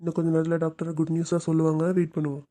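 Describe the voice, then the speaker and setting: A woman playing a young husband waiting at the maternity ward, talking quickly and eagerly. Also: low voice, monotone, dark tone, natural voice. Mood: hopeful. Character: young husband, anxious then overjoyed new father. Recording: noisy home recording.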